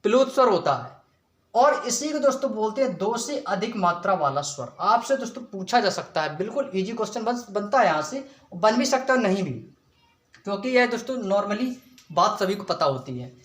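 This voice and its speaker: A young man teaching an exam-prep lesson in a high voice. He puts each question to the class and answers it himself, with "friends" in almost every sentence. The room around him is echoey. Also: expressive, normal speed, a bit bright.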